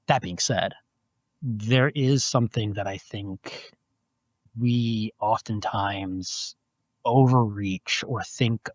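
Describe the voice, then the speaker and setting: A man who is a philosophy professor, answering interview questions in a measured, explanatory way over a video call. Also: lowish voice, no room sound. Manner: measured, explanatory, with frequent restarts. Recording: dull, lo-fi, dry video call audio.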